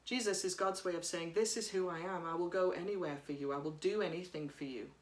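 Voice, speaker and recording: A woman priest giving a sermon at home, speaking in a gentle, reflective way while reading from notes, recorded by a camera across a room. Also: on the low side, brisk, roomy sound. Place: living room by a bright window.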